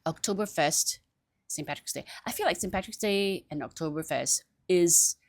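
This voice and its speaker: A low-pitched woman chats to camera in a lively, self-mocking way, breaking into laughter often. Her voice sounds dry and close, with no room echo. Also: moderate pace. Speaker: vlogger. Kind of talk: casual chat to camera.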